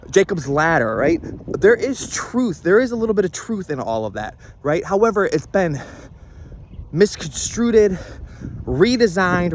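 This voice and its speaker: A man's voice: on the high side, background noise. A man giving a casual, rambling monologue about his wellness idea, checking in with "right?" after nearly every point. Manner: rambling, says "right?" constantly. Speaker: wellness content creator.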